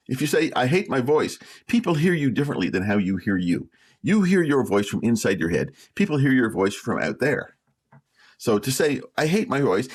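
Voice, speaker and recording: A man's voice: on the low side, husky. A man hosting a vlog, giving plain-spoken motivational advice to camera, repeating key phrases and teasing with rhetorical questions. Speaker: vlog host.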